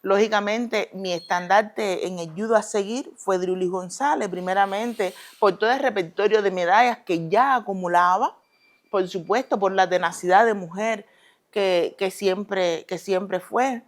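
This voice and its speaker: A retired Olympic judoka from Cuba, a woman with a mid-range voice and a Cuban Spanish accent, gives relaxed conversational interview answers as a guest. She answers slowly and deliberately, hesitating with many fillers, yet turns emphatic and quick when she gets passionate.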